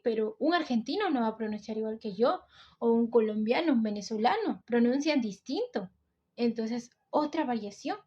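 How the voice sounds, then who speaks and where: A woman's voice: a little high, a little mellow, husky, lo-fi sound. A teenage girl with a Peruvian coastal accent, explaining a school topic step by step in a video. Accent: Peruvian coastal Spanish. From Peru. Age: teens. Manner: explains step by step, often says "entonces". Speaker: student presenter.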